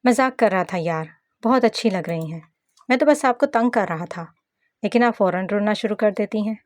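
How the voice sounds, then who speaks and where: A woman's voice: mid-range voice, normal speed, dry recording, clean studio sound, natural voice. A woman voicing a playful, devoted young husband in a read-aloud novel. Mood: teasing. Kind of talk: scripted novel narration with acted dialogue.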